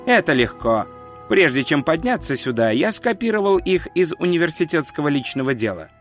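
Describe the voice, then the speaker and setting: Man playing a commanding wizard, impatient, lecturing tone, raised pitch, soft music underneath. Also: big pitch swings, fairly quick. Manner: imperious, lecturing. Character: stern, impatient male wizard leader. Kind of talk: audiobook character voice.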